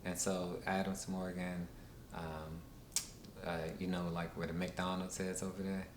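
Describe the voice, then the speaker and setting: In a spacious room with a constant low rumble in the background, a man in his thirties from Washington, D.C. answers interview questions. His voice is extremely deep and flat, and he speaks slowly and haltingly, filling pauses with plenty of ums and uhs.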